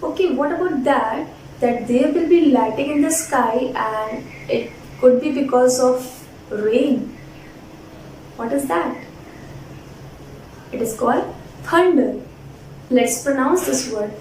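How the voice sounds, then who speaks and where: A woman teaching a children's phonics lesson, sounding words out deliberately and prompting the listener to repeat. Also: high-pitched, darkish tone. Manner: deliberate spelled-out enunciation, sounding words out for repetition. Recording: roomy echo, distant mic, faint noise.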